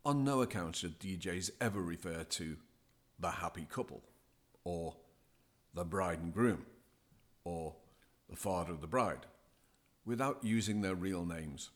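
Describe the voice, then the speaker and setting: A man speaking as a podcast guest, giving deliberate, emphatic advice as a DJ coach. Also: sits low. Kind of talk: measured, scripted-sounding advice.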